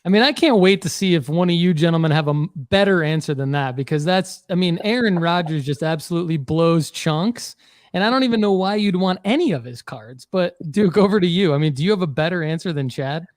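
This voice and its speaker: Higher-voiced man hosting casual banter. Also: expressive, brisk, no echo, studio quality. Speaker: podcast host. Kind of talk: casual panel chat.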